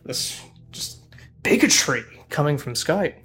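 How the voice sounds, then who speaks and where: A man's voice: on the high side, animated, takes it slowly, a bit bright, breathy edge. A man running a casual game stream and interviewing guests. He teases and jokes with a dry, playful delivery. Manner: joking, teasing interviewer. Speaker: stream host.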